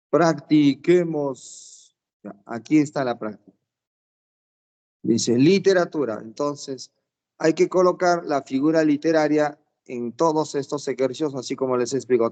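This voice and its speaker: Fairly high-voiced male teacher explaining. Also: darkish tone, lo-fi sound. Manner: explains patiently with everyday examples, checks understanding often. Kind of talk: classroom lesson.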